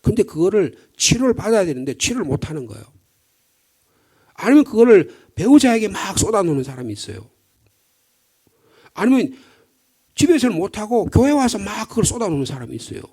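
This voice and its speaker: A middle-aged pastor from Korea's Gyeongsang region, speaking with a Gyeongsang accent, preaches an early-morning sermon in a conversational, storytelling style full of rhetorical questions. His high voice is dark-toned with a breathy edge, swings widely in pitch, moves a little fast, and pauses often.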